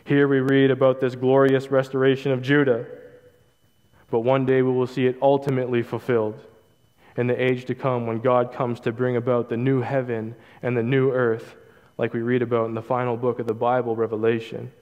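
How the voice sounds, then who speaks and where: A young man preaching a sermon as pastor, in a measured, earnest delivery with emphatic repetition. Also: mid-range voice, completely flat delivery. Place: church stage, large hall. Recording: hall reverb, dull lo-fi sound.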